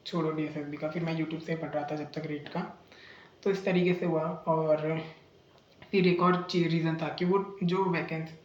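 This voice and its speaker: A man's voice: a little high, level tone, moderate pace, roomy sound, muffled recording, a little hiss or hum. A young man in casual vlog storytelling, retelling a bad experience in a chatty, indignant way, full of fillers and restarts. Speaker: vlogger recounting a bad coaching experience.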